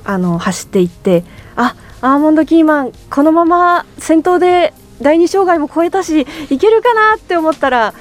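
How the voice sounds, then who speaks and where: A woman's voice: sits high, lively intonation, moderate pace, hardly any pauses, faint music behind. A woman chatting casually as a racing show panelist, with hesitant, piecemeal phrasing. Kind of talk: casual chat.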